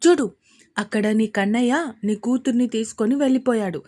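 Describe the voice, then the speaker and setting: Teasing young woman in a storybook, playful ribbing, mellow voice, read by a woman narrator. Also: fairly high pitch, normal speed, close to an everyday voice.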